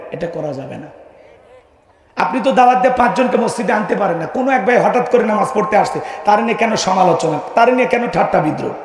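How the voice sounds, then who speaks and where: A man with a Bangladeshi regional Bengali accent preaching a humorous sermon, teasing the crowd and calling on them to answer loudly. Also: high-pitched, creaky, roomy sound, in a large hall. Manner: calls on the crowd to answer loudly, jokes and teases.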